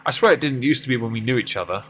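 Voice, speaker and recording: A deep-voiced man around thirty-five talks very fast with a fairly bright tone, a little hiss or hum in the background. He's live-streaming a driving game, chatting loosely with viewers and making fun of himself as he rambles.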